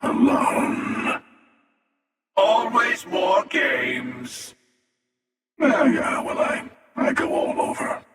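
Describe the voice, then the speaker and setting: A cavernous, reverberant voice of a smug video game hunter, gravelly and menacing. He taunts in a slow, sardonic drawl, sounding world-weary and sure of himself. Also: very high-pitched, fairly bright tone, soft background music, full character voice. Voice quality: gravelly, breathy rasp. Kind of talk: video game character voice acting. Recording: echoing, long reverb, distant.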